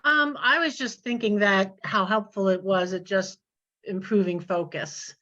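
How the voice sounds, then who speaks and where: A woman taking part in an art workshop, sharing her thoughts in a measured way. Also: mid-range voice, sharp tone, highs cut off. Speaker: workshop participant. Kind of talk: casual group discussion.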